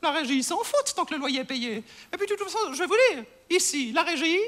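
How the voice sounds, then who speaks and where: A man's voice: very high-pitched, expressive, a little fast, a bit bright. A man playing a fussy, scheming, overdramatic middle-aged landlady in a stage comedy sketch, simpering and stammering into melodramatic outbursts. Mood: smug, mocking.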